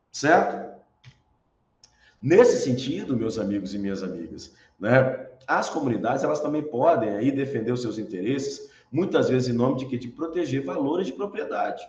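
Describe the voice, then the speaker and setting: A man's voice: medium pitch, big pitch swings, normal speed, darkish tone. A man with a Brazilian accent giving a university lecture, explaining as he goes and asking questions he then answers himself. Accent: Brazilian Portuguese. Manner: explanatory, poses rhetorical questions, frequent tag questions. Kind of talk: recorded online lecture. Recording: echoey room, dull lo-fi sound.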